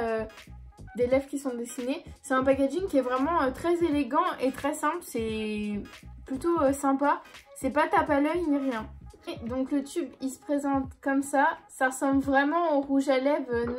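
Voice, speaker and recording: A woman's voice: high-pitched, normal speed, soft background music. A young woman chatting casually through a beauty haul and review, light and self-deprecating, with plenty of hesitant fillers. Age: young adult. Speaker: beauty vlogger. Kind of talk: casual product review vlog.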